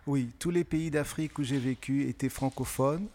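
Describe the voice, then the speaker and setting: A middle-aged guest author raised in francophone West and Central Africa answers interview questions in a measured, thoughtful manner, pausing often and hesitating. His voice is medium in pitch and warm in tone, with a slight hiss or hum in the background.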